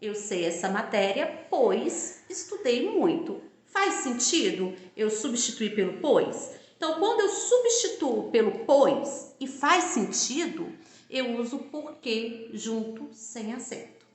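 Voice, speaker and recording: A woman's voice: a little high, sing-song, slow, reverberant. A woman teaching grammar, explaining patiently and repeating example sentences, often checking in with the listener. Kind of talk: classroom-style grammar lesson.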